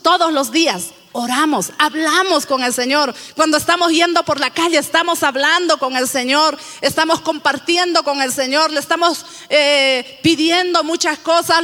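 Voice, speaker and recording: A woman's voice: sits high, normal speed, hardly any pauses, sharp tone, long reverb tail. A woman pastor from Bolivia with a Bolivian Spanish accent, preaching a fervent sermon and stretching out stressed words.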